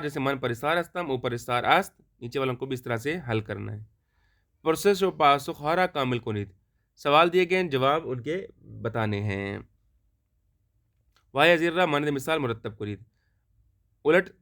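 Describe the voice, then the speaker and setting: Man teaching Farsi, slow clear drills. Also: medium pitch, expressive, a bit bright. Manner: reads Farsi sentences slowly and clearly for pronunciation, explains quickly in Urdu. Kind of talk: language lesson explained in Urdu.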